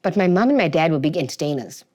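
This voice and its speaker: A woman's voice: deep voice, lively intonation, fast, warm tone. Chatty woman. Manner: chatty, informal, repeats phrases for emphasis. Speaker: guest, home cook and content creator. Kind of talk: casual interview chat, animated storytelling.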